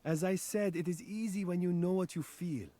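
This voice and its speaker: An actor playing a devoted romantic suitor in a video game, speaking earnestly and soothingly. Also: male voice, high voice, normal speed, crowd noise, lightly acted. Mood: tender devotion.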